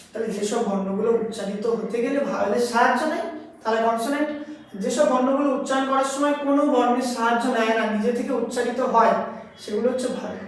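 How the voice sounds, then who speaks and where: Sitting well back from the microphone, a high-voiced woman explains grammar, going over each point twice and asking questions along the way. Her voice rings through a very echoey room.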